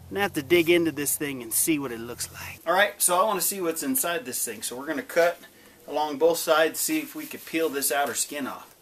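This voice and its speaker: A man in his forties talks to the camera in an easygoing, plain-spoken vlog style, his voice sitting a little high for a man. The camera mic is close, with a faint wash of background noise behind him. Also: a little fast. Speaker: channel host. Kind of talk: casual vlog. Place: outdoors in a yard, later an indoor workshop.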